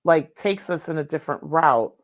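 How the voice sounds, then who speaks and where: Female interview host, lowish voice, chatty, gropes for words. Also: lively intonation, normal speed. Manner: conversational, searching for words. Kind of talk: casual interview.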